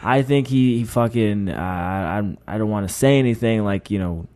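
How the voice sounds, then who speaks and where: A man's voice: on the low side, normal speed, dark tone. A man co-hosting a casual fight podcast, sleepy and profane, musing in a laid-back way. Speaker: podcast co-host. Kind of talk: casual chat about fights.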